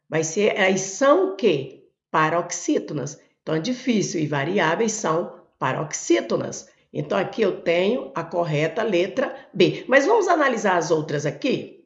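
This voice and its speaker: A Brazilian woman teacher walks through exam questions one step at a time. She often says "ó" and "olha" as she points at the board, and her pitch moves up and down a lot. The recording is echoey and sounds dull and lo-fi. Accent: Brazilian Portuguese. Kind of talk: exam prep lesson, working through questions.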